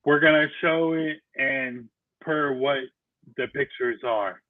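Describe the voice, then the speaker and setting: A man hosting a casual podcast speaks slowly in a fairly high voice, rambling and backing up to restart his explanations. The sound is tinny like a phone line, completely dry with no room sound.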